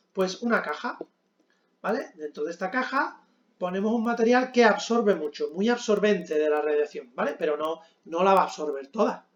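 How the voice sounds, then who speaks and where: A man's voice: high-pitched, echoey room, muffled recording. A man teaching a physics lesson at a board, explaining step by step with frequent check-ins and hesitant fillers.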